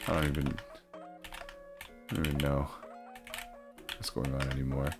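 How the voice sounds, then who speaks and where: A young man with a very low voice chats through a live game stream, teasing himself and laughing a lot. Music plays underneath, with keyboard clicks close by. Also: flat delivery, normal speed. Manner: chatty, self-mocking, laughs often. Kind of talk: casual live gameplay commentary.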